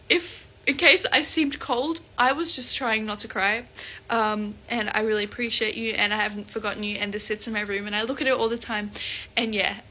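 A woman's voice: on the high side, pushed and bright. A young woman vlogger telling an emotional story to camera in a gushing, casual way, laughing now and then.

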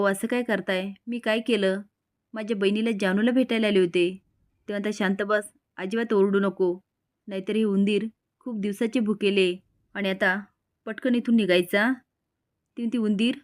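A woman narrating a TV serial recap in a steady scripted read, speaking every character's lines in the same plain voice. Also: medium pitch. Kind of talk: scripted narration with acted quotes.

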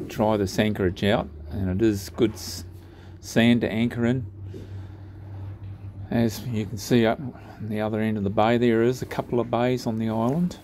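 A man narrating his sailing trip over drone footage in a relaxed, unhurried way, with frequent ums and pauses. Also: on the low side, slight background noise.

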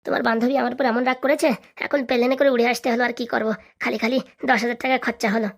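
A sheepish young cartoon husband, played by a woman, who pleads and coaxes his angry wife. He speaks in a high voice at a very quick clip. He sounds eager to smooth things over. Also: steady tone. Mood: pleading. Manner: pleading, coaxing. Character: apologetic stingy young husband. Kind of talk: cartoon voice acting.

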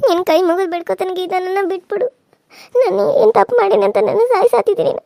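A woman's voice: very high voice, fast talker, creaky, mellow, no room sound. A woman voicing a frightened village woman in a cartoon serial, pleading tearfully.

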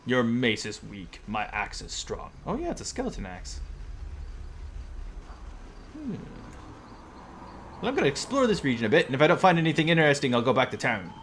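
A man doing casual video game commentary, excitable and jokey, yelling at enemies as he plays. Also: medium pitch, moderate pace, long pauses, a little hiss or hum. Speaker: let's play host.

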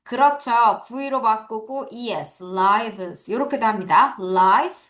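A woman teacher giving an online vocabulary lecture, drilling pronunciation by slowly repeating words for her students. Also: fairly high pitch, a bit bright. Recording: echoey room.

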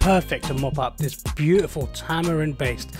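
A man's voice: a little high, moderate pace. Upbeat man hosting a cooking show. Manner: upbeat, playful presenter. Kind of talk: recipe demonstration. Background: background music.

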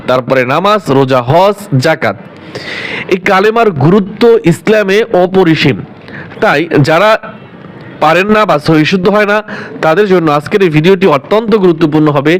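Smooth high-voiced man teaching recitation. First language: Bengali. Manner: slow, drawn-out chanting of Arabic phrases between quick explanations. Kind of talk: religious pronunciation lesson.

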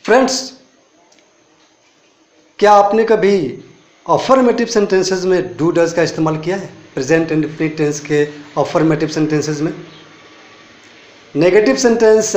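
Indian male English tutor, step-by-step classroom explainer, higher voice, echoey room. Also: darkish tone. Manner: explains step by step with many rhetorical questions; slow, deliberate English example phrases. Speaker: English teacher. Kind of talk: spoken English lesson.

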